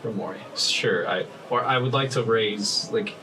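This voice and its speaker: A man playing a tabletop game, improvising in a hesitant, measured and somewhat formal way. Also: lowish voice, recorded from a distance, crowd noise. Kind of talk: improvised role-play and table talk. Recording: noisy room, slightly off mic.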